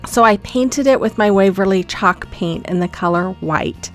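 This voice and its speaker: A woman's voice: medium pitch, normal speed, faint music behind. A woman hosting a casual craft tutorial voice-over, chatty and rambling with frequent ums and restarts. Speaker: craft channel host.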